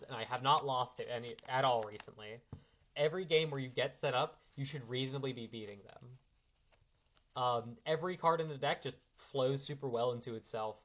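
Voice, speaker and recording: A mid-range, fairly bright male voice comes through lo-fi sound as a somewhat sick young card player casually explains game lines on the spot. He handles cards throughout, wandering in his explanation and correcting himself in this informal strategy primer.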